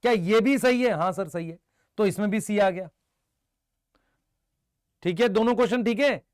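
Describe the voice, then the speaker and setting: A man teaching a biology lesson, briskly quizzing his students and answering for them, mixing Hindi with English terms. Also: sits high, no room sound, clean studio sound. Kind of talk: live online exam-prep lecture.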